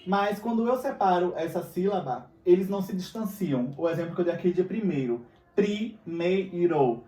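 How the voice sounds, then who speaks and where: Brazilian man, teacher, patient, fairly high voice, distant mic, echoey room. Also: fairly quick, mellow. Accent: Brazilian Portuguese. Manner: patient, repeats and checks in with students. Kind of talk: recorded grammar lesson.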